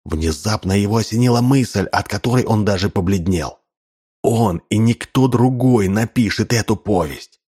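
Casting: male audiobook narrator, low voice, steady storytelling. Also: normal speed, slightly rough.

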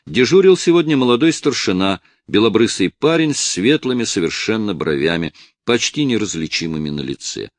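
A man narrating an audiobook with expressive storytelling. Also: fairly low pitch, a little fast, no echo. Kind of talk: scripted narration.

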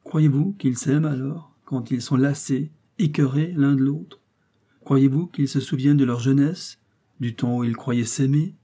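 A man's voice: medium pitch, steady tone, measured pace, mellow, breathy edge. A man reading the part of a proud, idealistic young Russian princess, speaking in impassioned, defiant speeches. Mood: indignant.

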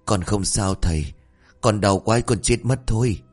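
A man's voice: lowish voice, a little slow, faint music behind. A man voicing a meek young husband speaking through pain.

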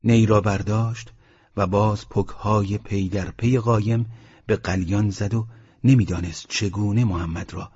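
A man narrating a novel as an audiobook in a low, subdued reading. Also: steady tone, darkish tone, slightly rough, dull audio. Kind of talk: scripted literary narration.

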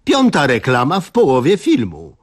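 A man voicing a grumpy, hard-drinking village head who speaks gruffly and sullenly. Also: medium pitch, wildly swooping pitch, moderate pace, voice pushed up.

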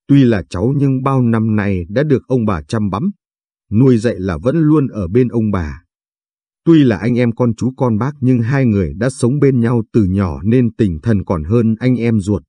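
A man reading a story aloud in calm, measured narration. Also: lowish voice, slightly rough, no echo.

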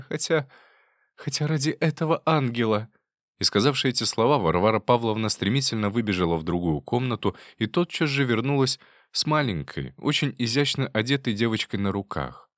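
A man narrating a classic novel in a measured, even audiobook reading. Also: lowish voice, no echo, clean studio sound.

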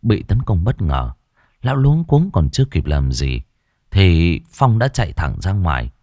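Lively low-voiced male storyteller. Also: measured pace, dry recording, studio quality. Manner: expressive storytelling. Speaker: audiobook narrator. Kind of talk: scripted narration.

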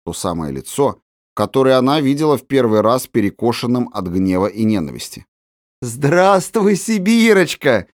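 A man reading a children's novel aloud as an audiobook narrator, in a measured, expressive storytelling manner. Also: lowish voice, dry recording, clean studio sound. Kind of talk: scripted narration.

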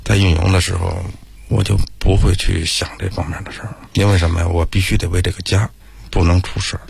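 A middle-aged man from the Beijing area, a taxi driver guest on a radio talk show, speaking in a plain, halting, matter-of-fact way. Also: low voice, level tone, vocal fry, breathy edge, no echo. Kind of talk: radio interview.

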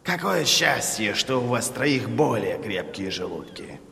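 A bitter, crippled inquisitor in a dark audiobook , put on by a male reader, snarling sarcasm through constant pain. His voice is gravelly and rough, and it rings with a long hall reverb. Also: medium pitch, animated, moderate pace. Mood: sardonic.

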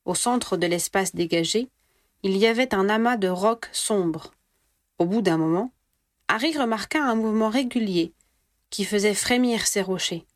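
A woman narrating a story aloud, steady and clear, raising her voice for the dialogue. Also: medium pitch, normal speed, no echo, studio quality. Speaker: reader of fan fiction. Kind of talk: audiobook narration.

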